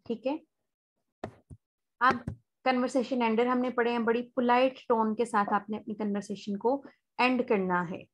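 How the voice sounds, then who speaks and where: Pakistani woman teaching an online class. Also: on the high side. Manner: explains step by step, switches to slow polite English for sample phone lines.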